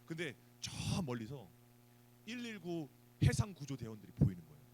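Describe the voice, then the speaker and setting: At a church youth service, a man preaches an animated sermon, asking the students questions and acting out little scenes. His voice is a little high and his speed normal. The recording is rough, with a little hiss or hum.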